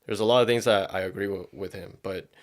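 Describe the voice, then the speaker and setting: A podcast host delivers casual, opinionated commentary in slangy, profanity-laden language. His low voice moves fast with fairly even intonation.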